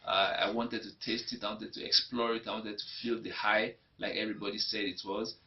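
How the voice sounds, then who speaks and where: Fairly low in pitch and flat in delivery, a young Nigerian man talks fairly quickly with a Nigerian accent. He relates his life story in an interview, reflectively and with frequent repetition, as personal testimony. The recording sounds dull and lo-fi.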